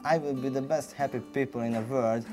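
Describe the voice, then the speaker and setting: Hungarian-accented man speaking halting English. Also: medium pitch, steady tone, music in the background. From Budapest, Hungary. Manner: halting non-native English. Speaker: competition barista. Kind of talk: informal interview remarks.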